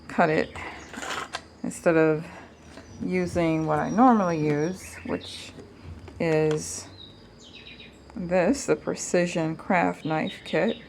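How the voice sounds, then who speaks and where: A woman's voice: lowish voice, creaky, slight background noise. A woman giving a casual hands-on DIY demonstration to viewers, informal and thinking aloud as she goes. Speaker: DIY tutorial host.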